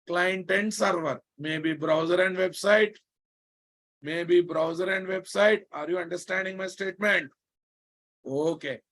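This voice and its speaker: A man's voice: high voice, fairly even intonation, a little slow, fairly bright tone. A man with a Telugu Indian accent teaching a live online technical class as an instructor, repeating key phrases emphatically and often checking that students follow. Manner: emphatic repetition with frequent check questions to students. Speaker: programming instructor.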